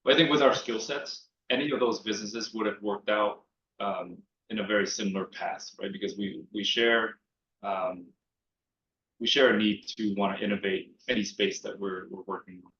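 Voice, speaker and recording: A low-pitched man speaks in a halting, casual way, full of fillers as a startup co-founder. The sound is roomy with a lot of echo and comes through dull and lo-fi. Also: steady tone, a bit bright. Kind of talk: casual panel talk. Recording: echoey, dull lo-fi room sound.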